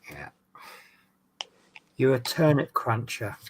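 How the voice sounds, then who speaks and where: Crowd noise fills the background as a Norfolk-accented man from East Anglia, England, hosts a hobby stream, chatting casually and teasingly over his build. He takes it slowly, and his medium-pitched voice swings widely in pitch.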